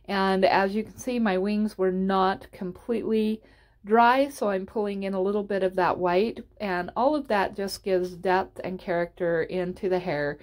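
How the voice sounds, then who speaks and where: A woman's voice: mid-range voice, steady tone, unhurried, darkish tone. Woman casually narrating a craft tutorial. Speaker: painting tutorial host. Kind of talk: casual instructional voice-over.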